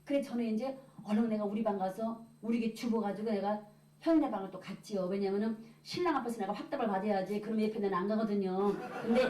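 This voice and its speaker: A woman evangelist giving a church testimony and telling her story with acted-out dialogue. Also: fairly high pitch. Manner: lively storytelling, acting out dialogue. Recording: echoey, from a distance.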